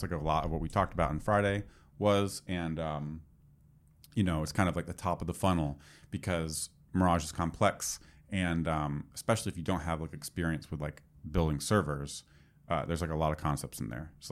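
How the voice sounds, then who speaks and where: A man in casual conversation, rambling with lots of fillers as he talks shop. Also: extremely low pitch. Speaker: podcast co-host, developer. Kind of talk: casual chat.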